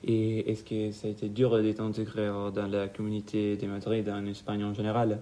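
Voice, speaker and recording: Young italian guy hosting school radio, low warm voice, lots of euh. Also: monotone. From Italy. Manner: halting, many fillers. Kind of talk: casual interview.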